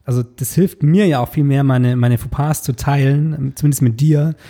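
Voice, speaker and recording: Young guy on a podcast, dark relaxed voice, just chatting casually. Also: mid-range voice, moderate pace. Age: young adult. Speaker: podcast co-host.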